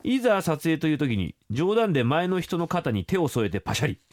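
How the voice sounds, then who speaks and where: A man's voice: a little high, very animated, fairly quick, no room sound. A man co-hosting a radio show, reading listener confessions aloud in a casual, teasing way and laughing along. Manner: joking, teasing, reads letters with laughs. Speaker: radio co-host. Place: radio studio. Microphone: studio microphone.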